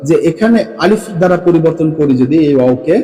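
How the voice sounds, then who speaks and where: A male teacher with a Bangladeshi Bengali accent explains grammar in a classroom lesson, slowly counting through items and repeating forms. His somewhat high voice is expressive and mellow, and he often checks in with rising questions. A long, hall-like reverb colors the sound.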